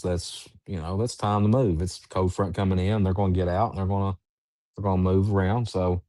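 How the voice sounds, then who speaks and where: A man who researches Bigfoot, telling a story in a halting, drawn-out way with many restarts. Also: sits low, a little mellow, no room sound, clean studio sound. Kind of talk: storytelling in an interview.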